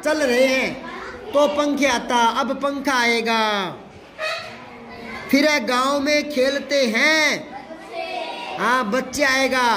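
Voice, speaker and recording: A man teaches a slow, deliberate grammar lesson. He drills the class by repeating words and asking for answers. Faint chatter and room noise sit behind him. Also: very high-pitched. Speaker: Hindi teacher.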